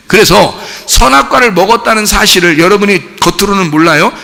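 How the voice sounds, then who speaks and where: A man preaching a sermon as pastor, playful and animated, acting out cheering crowds to make his point. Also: sits high, creaky. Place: church sanctuary. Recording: church hall with long reverb.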